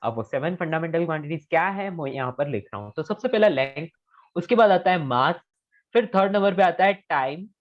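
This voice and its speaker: A man's voice: a little high, animated, dull audio. A male physics teacher, giving an online class and patiently repeating key phrases. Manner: patient, repeats key phrases slowly, calls students beta.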